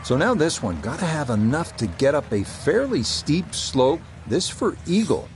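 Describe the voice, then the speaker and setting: A man doing golf commentary as lead announcer, calling shots in short, measured phrases. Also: fairly high pitch, sing-song, a little hiss or hum.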